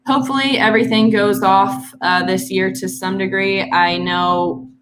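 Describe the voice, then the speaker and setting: A young woman from Canada chats casually as a guest, her talk full of fillers and small laughs. Her voice sits mid-range. Steady noise runs under the recording. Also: mid-range voice, moderate pace. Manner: chatty, filler-heavy, laughs easily. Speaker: guest swimmer. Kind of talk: casual chat.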